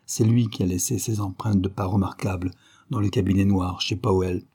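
A man playing a commanding male detective who gives crisp, urgent instructions in an audiobook. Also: low-pitched, steady tone, moderate pace, dark tone.

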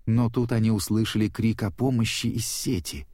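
A man narrating a children's storybook in a steady, expressive way. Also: on the low side, normal speed, dry recording, clean studio sound.

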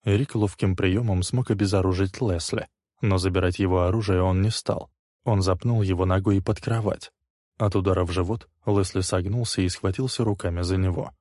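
A man reading a crime thriller aloud in steady, even scripted narration. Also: low-pitched, normal speed, dry recording, clean studio sound.

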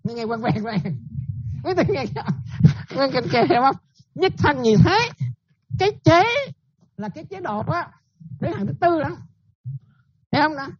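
A woman's voice: sits high, lively intonation, normal speed, long pauses, a little mellow, highs cut off. A Buddhist nun giving a dharma talk, often checking that her listeners follow and repeating her points.

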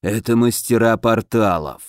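A hushed, unflappable spirit mage in an audiobook fantasy, low and soft, as a man puts him on. Dry, close reading. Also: measured pace, no echo, lightly acted. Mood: calm. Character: impassive male floating spirit mage, quiet.

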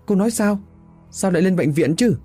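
A man's voice: sits high, animated, brisk, dark tone, soft background music, pitched above the performer's own voice. A man voicing a desperate poor country mother who wails and sobs for her injured child. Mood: alarmed. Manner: wailing, sobbing pleas. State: crying.

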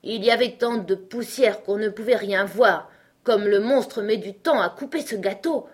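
A woman's voice: high-pitched, animated, pitched above the performer's own voice. A woman voicing a sleepy, lazy male lion who drawls and grumbles in a storybook reading. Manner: slow, yawning, grumbling.

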